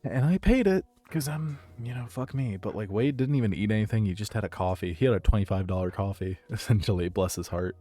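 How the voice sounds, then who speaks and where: A man hosting a casual podcast stream, telling a rambling story with jokes and hushed asides. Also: fairly low pitch, fairly quick, hardly any pauses, faint music behind. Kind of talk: casual chat with live chat.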